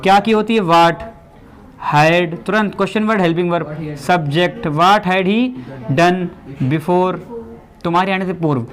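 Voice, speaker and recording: A man's voice: sits high, a little slow, a bit bright. A male teacher giving a classroom grammar lesson, explaining step by step and quizzing the class.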